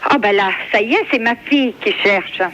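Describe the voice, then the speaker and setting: On a phone call recording with faint noise, a woman in her fifties from France answers what is a prank call. She's a member of the public, speaking casually, accommodating and hesitant, with a fairly high pitch at a moderate pace.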